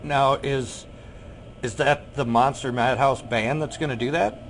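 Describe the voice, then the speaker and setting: A man conducts a casual interview in an unhurried, slow voice of medium pitch. He is agreeable and keeps his responses short. Faint background noise runs under the recording. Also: fairly even intonation.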